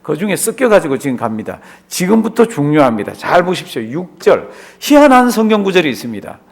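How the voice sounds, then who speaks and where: A man's voice: on the high side, very animated, a little fast. A man, a pastor, teaching a Bible study class, asking the class questions, answering them himself and repeating key words for emphasis. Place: church classroom.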